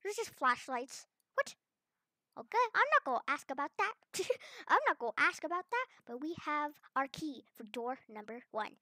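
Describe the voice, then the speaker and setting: A woman hosting a gameplay video, chatty and excitable, talking to herself as she explores. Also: high voice, moderate pace, no echo. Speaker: gaming video host. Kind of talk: playful gameplay commentary.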